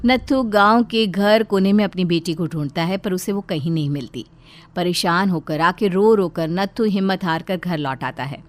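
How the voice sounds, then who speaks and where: A woman's voice: lowish voice, normal speed. A woman narrator reading a scripted children's story.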